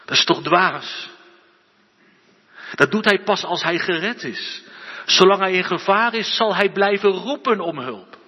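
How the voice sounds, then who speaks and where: A man preaching a sermon, slow and earnest, building to emphatic outbursts. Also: sits high, animated, slightly rough. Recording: dull lo-fi recording with long church reverb.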